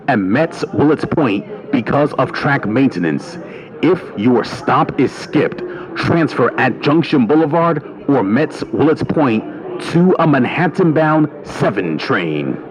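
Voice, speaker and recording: A man's voice: medium pitch, rough recording. A man's automated station announcement, built from spliced-together recorded words and delivered formally word by word.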